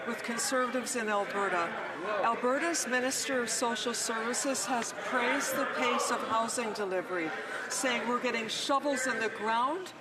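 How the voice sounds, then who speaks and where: A woman's voice: fairly high pitch, moderate pace. A woman replying as a government minister in a parliamentary debate. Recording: distant mic amid loud crowd.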